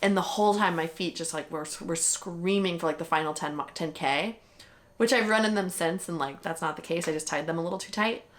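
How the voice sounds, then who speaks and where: A young woman talks straight to camera as a vlogger, candid and chatty, with lots of "like" and some swearing. Her voice sits a little low for a woman. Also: fairly quick. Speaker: vlogger recapping a marathon. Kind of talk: casual chat.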